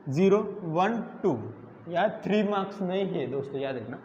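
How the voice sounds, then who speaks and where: In a nursing exam classroom lecture, a man with a high-pitched, darkish voice speaks at a moderate pace with lively intonation, asking students questions and answering them on his own. The sound is dull and lo-fi, with room echo and faint noise.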